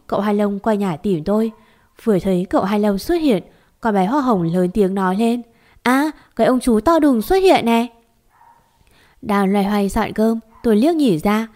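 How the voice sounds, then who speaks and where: A woman narrating a love story in a calm, even reading voice. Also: mid-range voice. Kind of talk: audiobook narration.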